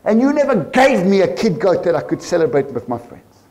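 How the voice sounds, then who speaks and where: A man's voice: sits high, sing-song, normal speed, a little mellow, voice pushed up. A man voicing a resentful, angry older brother, speaking indignantly and accusingly with a South African accent.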